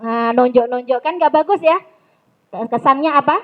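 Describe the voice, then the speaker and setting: A woman leading a public speaking training in a mosque hall, coaxing her audience and telling stories in a lively way. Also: sits high, moderate pace. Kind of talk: interactive training talk with storytelling. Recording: dull lo-fi recording.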